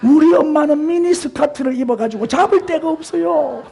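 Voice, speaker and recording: A man's voice: very high-pitched, normal speed, warm tone, pitched above the performer's own voice. A man voicing a small boy who has lost his mother at the market. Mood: plaintive. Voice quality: husky.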